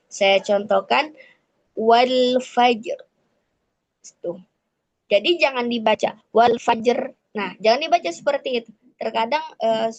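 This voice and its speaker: Slow, patient woman teaching recitation. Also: a little high, no echo, highs cut off. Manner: patient, explains step by step with frequent "nah" and "eh"; models recitation examples slowly. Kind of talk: online tajwid lesson.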